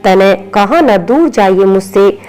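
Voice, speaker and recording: A woman reading aloud gives a proud young wife in a spoken story, clipped and commanding. Her tone stays mellow and unforced. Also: mid-range voice, animated, slow pace, poor audio. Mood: angry. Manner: curt and commanding.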